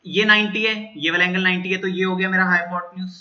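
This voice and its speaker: Guy teaching maths at a whiteboard, high and really bright voice, kinda dull lo-fi sound. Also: little pitch movement, fast. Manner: repeats steps and checks in with students.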